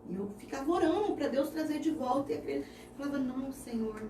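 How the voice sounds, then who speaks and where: A woman's voice: high voice, expressive, quick pace, darkish tone. A woman in her thirties with a Brazilian Portuguese accent, giving a heartfelt personal faith testimony as an interview guest. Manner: earnest, heartfelt storytelling. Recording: echoey room, distant mic, faint noise.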